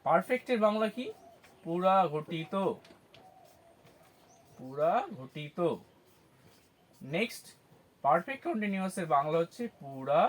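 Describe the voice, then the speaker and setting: A man's voice: sits high, animated. A man teaching an English grammar lesson, asking questions and answering them himself, spelling words out syllable by syllable. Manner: slow, syllable-by-syllable explanations with self-answered questions.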